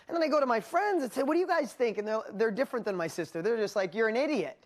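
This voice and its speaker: A woman's voice: fairly high pitch, racing. A woman with a New York accent giving a motivational seminar talk, telling stories with energy and acting out her own inner voice. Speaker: seminar presenter.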